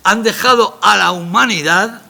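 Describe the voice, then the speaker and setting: A man's voice: high voice, normal speed, creaky, bright, forceful tone. A man, a playwright talking about his play in a radio interview, emphatic and rambling in a colloquial way.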